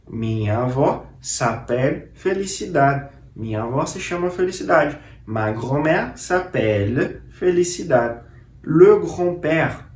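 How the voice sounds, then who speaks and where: A man teaching a casual online language lesson, chatty and friendly, slowing down to repeat words for the viewer to copy. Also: fairly high pitch. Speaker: French teacher. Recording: echoey room.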